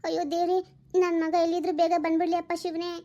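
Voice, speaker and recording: A woman's voice: monotone, racing, mellow. A woman playing a worried young mother who pleads and frets in a homemade family drama. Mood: frightened. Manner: tearful, pleading, high and thin. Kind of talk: amateur audio family drama.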